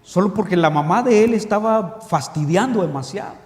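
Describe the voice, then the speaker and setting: A man preaching a sermon, animated and full of rhetorical questions to the congregation. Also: high voice, moderate pace. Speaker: pastor. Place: church hall. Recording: echoey church hall with long reverb.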